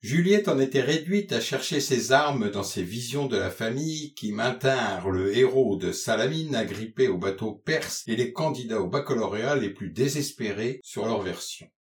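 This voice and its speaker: A man narrating a literary novel aloud in a measured, expressive reading style. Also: medium pitch. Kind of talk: audiobook reading of literary prose. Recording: roomy echo.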